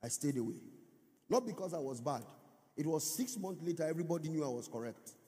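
A man's voice: a little high, lively intonation, a little fast, warm tone, in a large hall. A male pastor preaching at a conference, driving his points with sung, rising phrases and call-and-response. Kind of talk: conference sermon teaching. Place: large church or conference hall.

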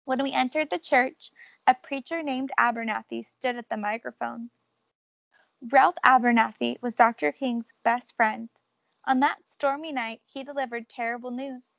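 A woman's voice: a little high, moderate pace, gravelly, dry recording, dull audio. A woman reading a picture book aloud, telling the story expressively and raising or dropping her volume for drama. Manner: expressive, shifts loudness for drama. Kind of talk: read-aloud storybook narration.

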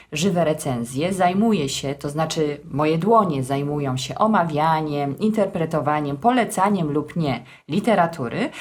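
A woman explaining grammar rules in a formal, measured way with touches of dry humour. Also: low voice, breathy edge. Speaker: text editor hosting a language series. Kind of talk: scripted language lesson.

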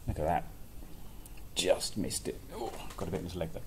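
A man in his thirties, his voice low and steady at a normal speed, reads a picture book with expression and slips playful, chatty asides between the passages. It was recorded in a small, plain, office-like room, and the room noise is clearly audible.

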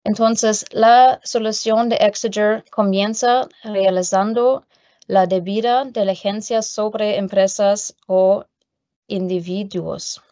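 Middle-aged woman presenter, in Spanish, slow careful reading, dull dry video-call sound. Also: medium pitch, steady tone, warm tone, no room sound. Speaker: guest presenter, corporate sustainability executive. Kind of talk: prepared business presentation in non-native Spanish. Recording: muffled video-call audio.

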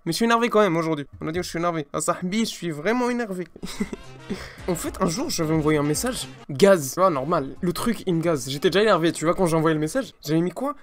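A man's voice: fairly high pitch, lively intonation, fast talker, soft background music. A young man doing a comic rant to the camera, mock-angry and full of slang, breaking into laughter. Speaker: comedy vlogger.

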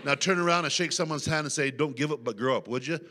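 A male guest pastor preaching a sermon in a church, leading shouted call-and-response with the congregation and often clearing his throat. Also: on the high side, fast. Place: church sanctuary.

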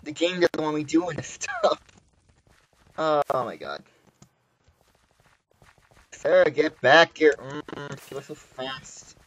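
A man's voice: fairly high pitch, very animated, slow pace, slight background noise, poor audio. A man giving casual gameplay commentary as a video host, rambling and joking, with frequent exclamations. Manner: rambling, jokey, exclaims often. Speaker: gaming YouTuber.

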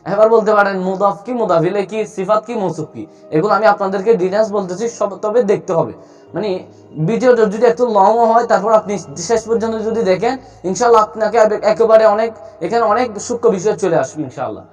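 A man's voice: high voice, fast, faint music behind. A man teaching Arabic grammar in a video lesson, explaining step by step and asking himself questions as he goes.

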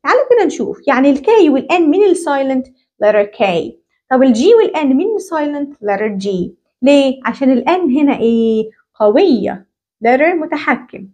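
A woman with an Egyptian accent giving a teacher-training English lesson. She asks questions and answers them herself, and repeats English words slowly. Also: high voice, dull audio. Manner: animated, drawing out English words slowly for repetition.

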